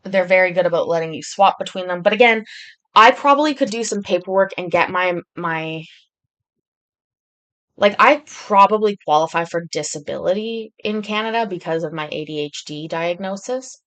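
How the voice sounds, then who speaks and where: With a fairly low pitch and moderate pace, a British woman chats casually on her live stream. She rambles through viewer comments, answering them amid frequent ums and restarts.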